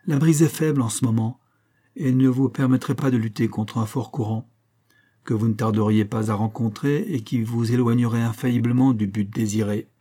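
A man voicing a calm, wise man who speaks softly and without hurry. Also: medium pitch, close to an everyday voice. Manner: soft, unhurried, soothing. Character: calm wise man, gentle island elder.

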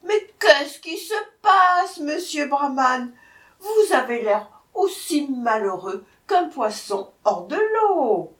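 A woman's voice: sing-song, exaggerated voice. A woman putting on a whiny, sly jackal. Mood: whiny feigned confusion. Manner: whiny, drawn-out, high and fretful. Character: sly male jackal feigning silly confusion. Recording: echoey room, voice from far off.

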